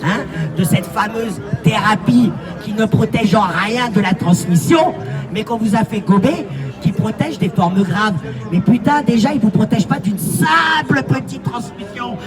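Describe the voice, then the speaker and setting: Another heated street argument: at an outdoor city protest, a woman with a fairly high voice speaks at a measured pace, hectoring and lecturing as she repeatedly demands an answer. Her voice is distant, with a loud crowd and music around her.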